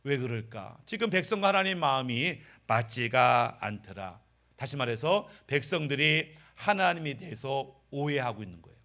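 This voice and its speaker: A male pastor preaching a Sunday sermon, animated, swinging between a raised voice and quiet asides. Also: medium pitch, normal speed.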